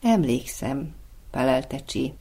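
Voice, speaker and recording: A brave little male swallow in a storybook, calm and protective toward his mate, as a man reads him aloud. The voice has a gravelly edge and sits at an ordinary pitch. It is told gently and unhurriedly. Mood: gentle.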